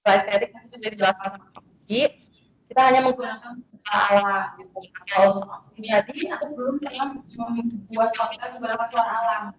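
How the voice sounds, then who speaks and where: A woman speaking as the guest content creator in an online sharing session, chatty and animated, with many fillers. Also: a little high, fast, echoey room, lo-fi sound, a little hiss or hum.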